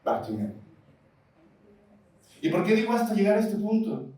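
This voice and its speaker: In an echoey church hall, recorded from a distant mic, a pastor with a high, mellow voice preaches at normal speed with big swings in pitch. He has a Mexican Spanish accent and fires one question after another at his congregation.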